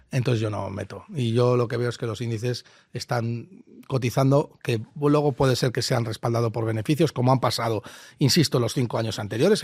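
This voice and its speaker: Gravelly man, opinionated. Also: mid-range voice, darkish tone, no room sound, studio quality. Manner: opinionated, explains with rhetorical questions. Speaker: investor guest. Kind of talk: casual interview talk.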